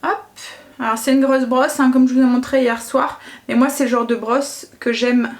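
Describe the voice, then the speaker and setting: A woman with a somewhat high voice talks casually to her viewers as she does her makeup. She narrates every small step aloud and peppers it with quick little exclamations. She often stops and restarts her sentences. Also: steady tone. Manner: chatty, narrates each step with little interjections; self-correcting, trails off and restarts often. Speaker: family vlogger and mother. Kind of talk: casual makeup tutorial chat.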